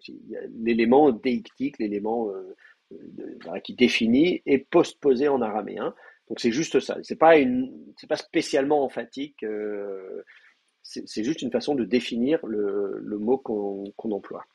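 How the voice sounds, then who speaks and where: A man's voice: medium pitch, normal speed, gravelly, a little mellow, husky, dull audio. A man teaching an online class, explaining patiently with many fillers and restarts. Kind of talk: online lecture.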